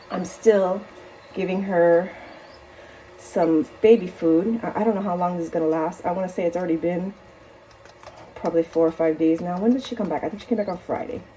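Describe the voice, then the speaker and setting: A woman's voice: fairly low pitch, mellow, a little hiss or hum, rough recording. A woman hand-feeding a baby bird at home in her kitchen, cooing baby talk to the bird and chatting casually to the camera. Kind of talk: casual home video chat.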